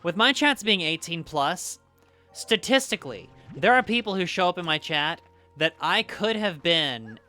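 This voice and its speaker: A woman's voice: on the low side, expressive, unhurried, bright, forceful tone, faint music behind. A woman streamer with a slight Southern US accent, rambling and swearing freely as she chats with her viewers while gaming live. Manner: rambling, swears freely, laughs easily, talks to chat.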